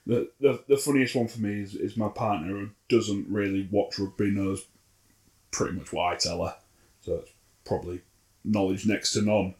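Guy on a podcast, lowish voice, dry wry jokes, mumbles the ends of lines. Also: fairly even intonation, moderate pace, darkish tone. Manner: dry, wry, drops volume at sentence ends. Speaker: podcast co-host. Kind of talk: casual chat.

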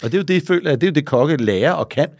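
A man with a gravelly, creaky voice tells long, rambling stories in a relaxed interview. He keeps checking in with tag questions and restarts his sentences. The room is dry, with no echo. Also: on the high side. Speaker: interview guest. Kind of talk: casual interview talk.

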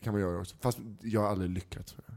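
A man in casual chat, telling a story and acting out the people in it with changing voices. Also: lowish voice. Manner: animated anecdote teller, acts out quoted people.

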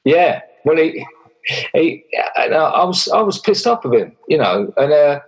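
Husky middle-aged Essex man. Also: a little high, sing-song, moderate pace, dull audio. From Essex, England. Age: middle-aged or older. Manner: plain-spoken, slangy, mildly sweary. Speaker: volunteer barber for homeless people. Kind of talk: casual chat, telling anecdotes.

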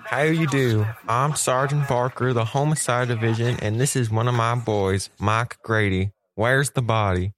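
A man playing a matter-of-fact police sergeant in an old-time radio-style drama, speaking deliberately. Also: mid-range voice, crowd noise, lightly acted. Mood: brisk. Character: gruff male police homicide sergeant, blunt. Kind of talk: 1940s radio drama acting.

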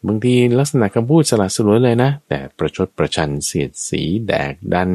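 A man with a low voice that rises and falls a great deal gives a dharma lesson point by point, dropping in everyday examples as he goes. The sound is dry and close, with no room around it. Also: very animated, a little fast, warm tone, dry recording. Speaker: dharma teacher. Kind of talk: conversational Buddhist teaching.

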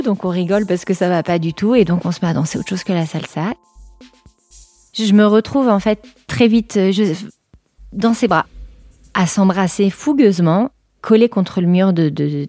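A woman, recounting a personal memory in a chatty, halting way with many fillers and restarts. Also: on the low side, dark tone, no room sound, studio quality. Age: 40s. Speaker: guest telling her story. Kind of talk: personal testimony storytelling.

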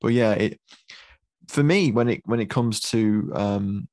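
A man hosting a podcast, speaking in a thoughtful, measured way with some hesitations. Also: lowish voice, darkish tone, dry recording. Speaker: podcast host. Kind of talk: casual podcast chat.

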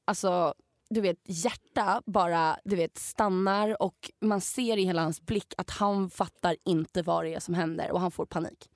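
A young woman co-hosting a podcast tells a story casually and with animation, swearing freely and acting out what people said. Her voice is lowish, and the studio sound is clean with no room sound.

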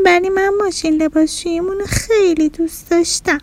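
A woman's voice: extremely high pitch, darkish tone, dry recording, pitched above the performer's own voice. A woman voicing a sweet little boy who pleads in a childlike way. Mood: pleading.

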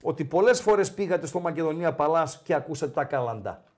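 Animated high-voiced male sports host. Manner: animated, teasing storyteller. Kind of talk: casual sports chat.

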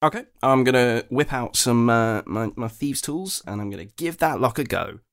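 A man's voice: mid-range voice, moderate pace. A man playing a tabletop role-playing game in a casual, playful way, half acting out his character.

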